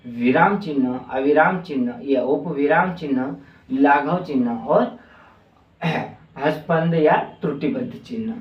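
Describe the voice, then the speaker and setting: A male teacher with a Madhya Pradesh Hindi accent gives an online class lesson, explaining slowly with many fillers and repeated checks. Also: a little high. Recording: roomy, distant, dull mic sound.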